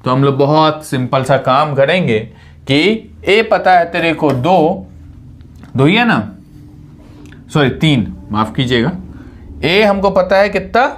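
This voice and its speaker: A man's voice: a little high, lively intonation, takes it slowly, long pauses. A man giving an exam-prep math lesson, explaining step by step and mixing English terms into his talk. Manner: explains step by step, asks and answers his own questions. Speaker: teacher.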